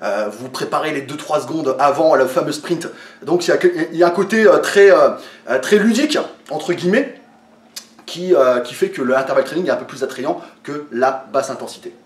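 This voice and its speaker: A man's voice: on the high side, fairly quick, distant mic. A man from France explaining a workout to camera in a casual, hesitant way, with many fillers and restarts, a little tired. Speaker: fitness vlogger. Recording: echoey room, voice away from the mic.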